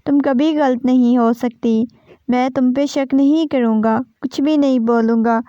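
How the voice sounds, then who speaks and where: A tender young husband reassures his wife in soothing tones in a storybook romance, voiced by a woman narrator. The voice is mellow and a little high. The recording is dull and dry. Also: steady tone, no echo, lightly acted. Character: young husband, tender, protective, quietly grieving.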